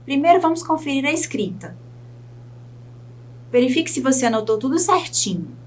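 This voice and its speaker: A woman teacher with a Brazilian Portuguese accent giving a recorded video lesson, speaking clearly and dictating words slowly for students to write down. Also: high-pitched, sing-song, slight background noise.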